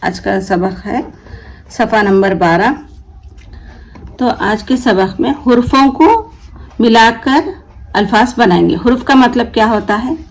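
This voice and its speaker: A woman's voice: a little high, takes it slowly, long pauses, poor audio. A woman teaching a reading lesson, who patiently sounds out letters and asks questions that she then answers herself. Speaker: Urdu teacher.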